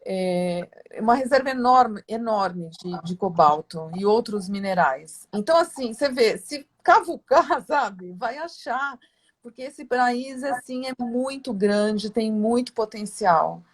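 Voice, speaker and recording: A woman's voice: fairly high pitch, animated, slow pace. A woman from Santos, Brazil, hosting an interview in a chatty, rambling way, full of fillers and tag questions. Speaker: interview host. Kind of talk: casual interview chat.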